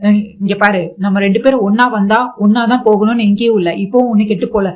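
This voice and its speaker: A woman voicing a grieving young man who tries to send his wife away, in a fast, self-pitying retelling. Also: mid-range voice, steady tone, close to an everyday voice. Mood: sorrowful.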